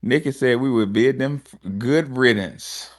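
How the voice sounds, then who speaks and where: A man's voice: medium pitch, a little slow. A man from Alabama hosts a loose, casual talk show. His voice sits in the middle range. He speaks bluntly and with animation. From Alabama, USA. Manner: animated and blunt, with frequent restarts and swearing. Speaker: host.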